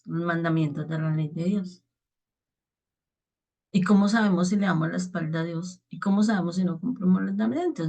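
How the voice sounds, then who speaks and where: A woman's voice: on the low side, a little mellow. A woman preacher giving an earnest spoken reflection on the daily gospel, often checking in with her listeners.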